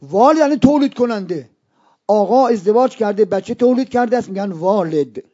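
A male preacher giving a religious lecture to students, explaining slowly and repeating key terms, sometimes dropping to a hush. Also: high-pitched, expressive. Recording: dull lo-fi recording.

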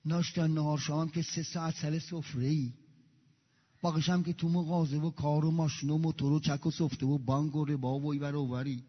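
A man preaching a sermon, moving between quiet recitation of prayers and loud, fervent exhortation. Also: little pitch movement, husky. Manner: swings from hushed recitation to loud, high-pitched exhortation. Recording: dull echoey hall recording.

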